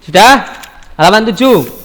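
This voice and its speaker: A man's voice: high-pitched, animated, a little slow, a bit bright, in a large hall. A man teaching a primary school class online in speech, patiently asking questions and repeating the pupils' answers.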